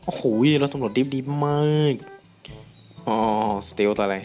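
A young man giving casual gameplay commentary, excitable, breaking into loud exclamations and talking to viewers. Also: medium pitch, takes it slowly, faint music behind.

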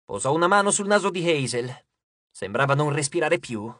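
A man reads an audiobook chapter in a measured, steady storytelling manner. His voice sits a touch high, captured close on a studio mic with a dry sound. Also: no room sound. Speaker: audiobook narrator. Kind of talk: scripted narration.

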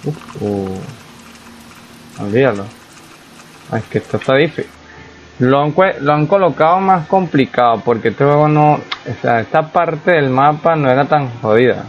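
In a rough recording, a young man with a mid-range voice at a moderate pace chats through a survival game he's playing. A gaming YouTuber doing casual let's-play commentary, he talks to himself and reacts out loud to the on-screen action.

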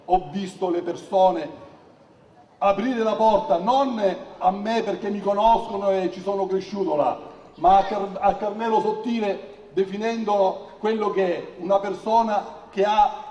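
A middle-aged man with a Sicilian accent delivering an emphatic political rally speech in halting, repeated phrases. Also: high-pitched, warm tone, highs cut off. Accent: Sicilian Italian. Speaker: campaign speaker. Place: outdoor stage before a crowd at night. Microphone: podium microphone, not close. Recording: echoey public-address, distant from mic.

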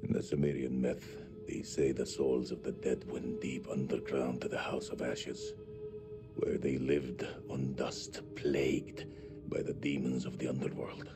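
A very deep-voiced, solemn Middle Eastern soldier. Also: male voice, monotone, unhurried. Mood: grave, awed. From Iraq. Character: grave, weary Iraqi army lieutenant, a man. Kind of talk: dramatic video game acting. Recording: game music behind the voice.

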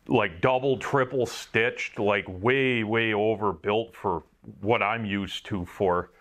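A Wisconsin-accented welder rambles through a casual review of his work gear in a fairly low, slightly bright voice. He's offhand, jokes at his own expense, and swears occasionally.

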